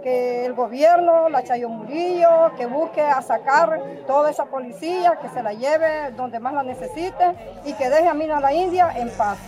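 A woman's voice: high voice, normal speed, mellow. A woman from Nicaragua, a local resident, speaking firmly and pleadingly outdoors. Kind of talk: interview testimony. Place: outdoors at a protest. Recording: outdoor field recording with crowd. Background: crowd.

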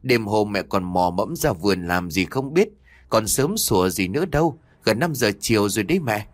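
A man's voice: fairly low pitch, sing-song, normal speed, no room sound. A man voicing a caring middle-aged son who fusses over his old parents in a spoken ghost story. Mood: fussing.

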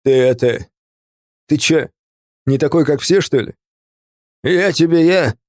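Man doing a rough drunk basement boss. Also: on the high side, measured pace, darkish tone, no room sound, clean studio sound, pitched above the performer's own voice, lightly acted. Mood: belligerent. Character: drunk male gang leader in a basement.

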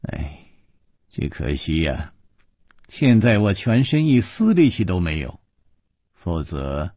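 A man's voice: fairly low pitch, sing-song, unhurried, mellow, no room sound, clean studio sound. Chu Liuxiang, a man doing a sly charming thief. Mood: wistful.

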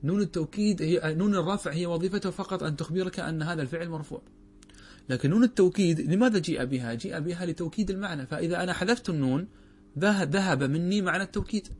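A man teaching a grammar lesson as a sheikh. He explains step by step, poses questions and answers them himself, and draws out example words slowly. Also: fairly high pitch, husky.

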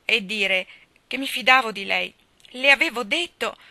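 A woman voicing a shrill, hysterical mother. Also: normal speed, sharp tone, no echo. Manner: shrill and accusing. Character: hysterical, reproachful middle-aged mother.

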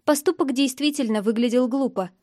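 Woman reading a novel out loud, first person, calm, higher voice, dry close sound. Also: a little fast, no echo. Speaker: audiobook narrator.

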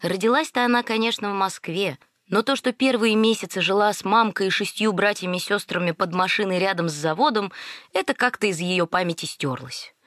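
A woman's voice: medium pitch, brisk, no echo, clean studio sound. Woman telling a wry first-person story. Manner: lively, wry.

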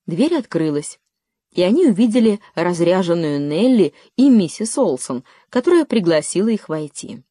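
A woman narrating a children's story in a calm, even way. Her voice sits low and mellow, recorded close and dry with no room around it. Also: moderate pace, no echo. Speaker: audiobook narrator. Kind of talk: scripted narration.

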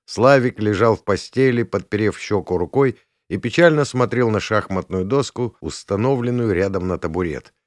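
A man's voice: fairly low pitch, moderate pace, few pauses, no room sound. A man narrating an audiobook in the first person, in a dry, wry and laconic manner.

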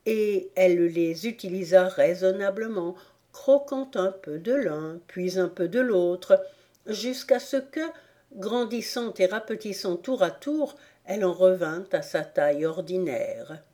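A woman narrating a classic children's novel in a calm, measured storytelling manner. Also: fairly low pitch. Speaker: audiobook narrator.

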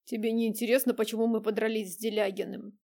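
A woman's voice: a little high, level tone, fast, a little mellow, close to an everyday voice. A woman voicing a persistent young man who keeps pressing his question, in an audiobook. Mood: insistent. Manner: insistent questioning.

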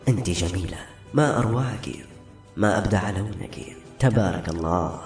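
A man voicing a gentle young warrior who speaks tenderly and sweetly. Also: lowish voice, quick pace, natural voice. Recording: roomy audiobook recording, faint music.

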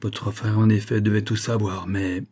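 A man voicing an anxious young gentleman suitor who speaks in a measured, tense, hushed way. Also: on the low side, level tone, lightly acted. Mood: uneasy.

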